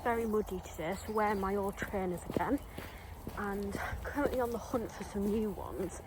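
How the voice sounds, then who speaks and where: Woman, casual vlog chat, rambling, noisy background. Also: medium pitch. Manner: chatty, rambling, lots of ums. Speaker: vlogger. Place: outdoors on a walk, then at home.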